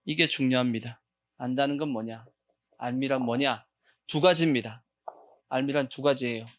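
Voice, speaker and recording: A man preaching a sermon as pastor of a church, asking his congregation questions, answering them himself, and sometimes breaking into loud acted shouts. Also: mid-range voice, normal speed. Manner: call-and-response questioning of the congregation. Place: church sanctuary.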